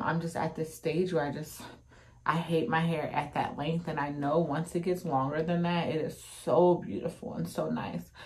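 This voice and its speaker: Low-voiced woman in her thirties vlogging. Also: a little hiss or hum. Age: 30s. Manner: chatty, talks straight to viewers. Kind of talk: casual vlog chat. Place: home room, indoors. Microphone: phone or camera at close range.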